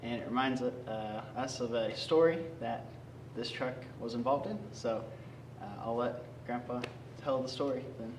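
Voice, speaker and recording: A young man with a medium-pitched voice hosts a casual vlog, chatting plainly to viewers. He is picked up from a little way off in an echoey space. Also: normal speed, hardly any pauses, darkish tone. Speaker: video host. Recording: echoey, distant mic, faint noise.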